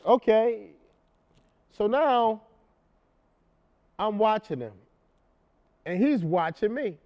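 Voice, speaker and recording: A stage actor performing an indignant man with a high, bright voice, telling his story in a theatrical monologue. He is animated and emphatic and repeats himself for effect. He can also become a brash, sarcastic talk show host. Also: slow, highs cut off, full character voice. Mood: indignant storytelling. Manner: animated, emphatic retelling with repetitions.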